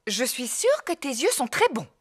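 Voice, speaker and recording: High, sensible cartoon mummy pig. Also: female voice, sing-song, moderate pace, slightly rough, dry recording, clean studio sound, full character voice. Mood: patient, reassuring. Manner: patient, reassuring. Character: kind, sensible mummy pig, grown female. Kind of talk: French-dubbed preschool cartoon acting. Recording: loud music behind the voice.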